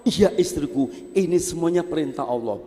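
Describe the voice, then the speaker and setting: A male preacher voicing Ibrahim, a calm patriarch husband, in a steady, grave, consoling tone. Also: fairly high pitch, normal speed, lightly acted. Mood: solemn. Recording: long hall reverb.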